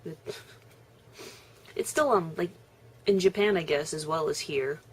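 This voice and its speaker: A woman's voice: low-pitched, unhurried, slightly rough. A young woman chatting casually on her video blog, laughing often and chewing as she talks. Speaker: vlogger. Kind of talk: casual vlog chat.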